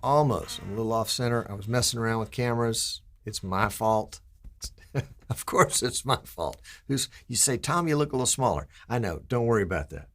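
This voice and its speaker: A middle-aged man hosting a live stream in casual chat, rambling and muttering to himself as he works his software in a small broadcast studio. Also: on the low side, normal speed. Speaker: live-stream show host.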